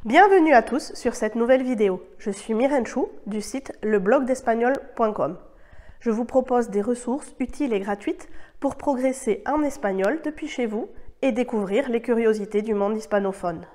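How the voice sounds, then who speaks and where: A woman whose first language is French, giving a scripted online Spanish lesson in a clear, measured way and modeling the words. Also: fairly high pitch, a little mellow. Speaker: Spanish teacher.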